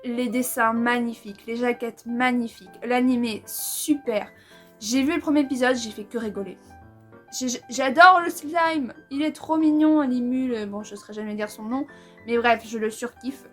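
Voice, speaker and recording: A woman's voice: on the high side, normal speed, faint music behind. A young woman from France chatting casually and enthusiastically in a manga vlog, using a lot of slang. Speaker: manga vlogger.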